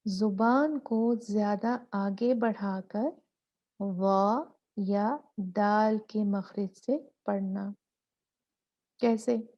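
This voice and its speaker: A woman teaching Quran recitation rules, repeating sounds slowly and asking and answering her own questions. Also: medium pitch, muffled recording. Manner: drawn-out model pronunciations, repeated slowly. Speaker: Tajweed teacher.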